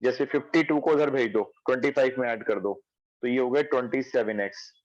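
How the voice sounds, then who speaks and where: A man teaching a math class online from home, working through each step aloud and stopping to check that his students follow. His voice sits at a middling pitch. The sound is dry and dull, like a lo-fi recording. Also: brisk, no room sound. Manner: explains step by step, checks understanding.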